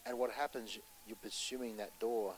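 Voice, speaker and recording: A man preaching a sermon with passion, pressing his points loudly and then dropping to a hushed voice to tell a story, and putting questions to his listeners. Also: on the low side, steady tone, moderate pace, a little hiss or hum, rough recording. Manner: impassioned, swinging between loud urgency and hushed storytelling; asks the audience rhetorical questions.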